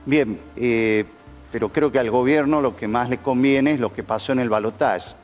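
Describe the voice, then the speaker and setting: Cohost, plain mid voice, long rambling questions. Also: male voice, medium pitch, moderate pace, a little mellow, faint music behind. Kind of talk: interviewer questions.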